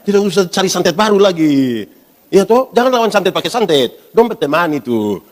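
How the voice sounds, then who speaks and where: A pastor in his forties, preaching a lively sermon and asking the congregation questions. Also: sits high, a little fast. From Indonesia. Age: 40s.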